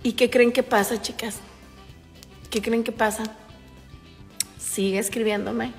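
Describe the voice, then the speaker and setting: A woman's voice: on the high side, fairly even intonation, unhurried, in a large hall, faint music behind. A woman with a Mexican accent telling a gossip story on her live stream, with a profane, slangy manner, addressing her viewers as girls. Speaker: livestreamer and online shop owner. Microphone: phone.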